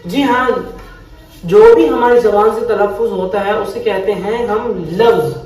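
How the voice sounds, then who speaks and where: An Arabic teacher with a high, expressive and slightly mellow voice gives a step-by-step grammar lesson, patiently and slowly repeating each key definition. He is heard from a little distance in a very echoey room, with a faint hum in the background.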